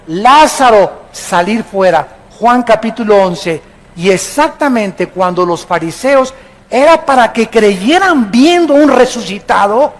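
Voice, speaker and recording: A man's voice: high voice, low-quality recording. A man with a Mexican accent preaching a sermon, emphatic and addressing his listeners directly. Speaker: pastor.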